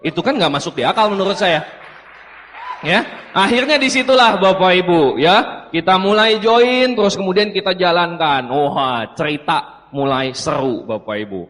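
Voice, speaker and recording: A man's voice: high-pitched, moderate pace. A man giving a motivational seminar talk, telling his story and acting out the dialogue while addressing the audience. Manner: animated, acts out dialogue, keeps addressing the audience. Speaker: seminar speaker. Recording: reverberant hall.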